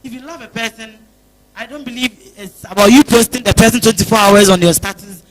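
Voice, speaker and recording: Speaking a little high and a little fast, a Ghanaian woman guesting on a church talk show gives sincere advice and acts out brief phone exchanges. The recording quality is poor.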